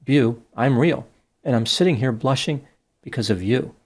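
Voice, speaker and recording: A man reading out the messages of a flirty female AI chatbot, slowly and plainly. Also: mid-range voice, darkish tone, lightly acted. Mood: gushing.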